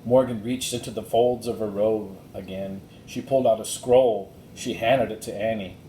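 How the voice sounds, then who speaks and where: An audiobook reader narrates a children's storybook in a dark-toned male voice, keeping a steady tone and moderate pace. He was recorded in an echoey room, so there is roomy echo along with a faint rumbling noise.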